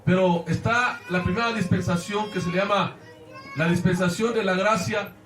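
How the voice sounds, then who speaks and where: A man's voice: sits high, fairly even intonation, moderate pace, fairly bright tone, slight background noise. A man with a Mexican Spanish accent preaching a sermon as pastor of a church, earnestly calling out to the congregation. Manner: earnest preaching, often addressing the congregation as brothers. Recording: echoey church from a distance.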